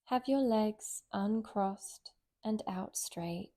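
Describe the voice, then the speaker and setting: A yoga nidra teacher leads a very slow relaxation practice, her medium-pitched voice warm and mellow. She speaks gently and soothingly, letting long, unhurried pauses fall between phrases.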